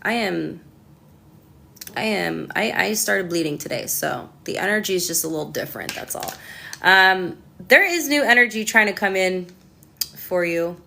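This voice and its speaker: A woman's voice: on the low side, normal speed, gravelly, bright, forceful tone, slight background noise. A young woman reading tarot cards and chatting with her viewers, passionate and ranting as she talks. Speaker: tarot reader. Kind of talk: casual tarot reading answering live chat.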